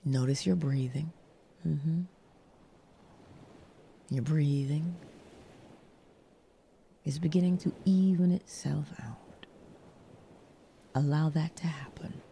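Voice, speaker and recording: In a low, mellow voice with a creaky edge, a woman guides a nighttime meditation, breathy and soothing and often nearly whispering. She gives short, gentle instructions separated by long pauses, and there's a slight hiss or hum.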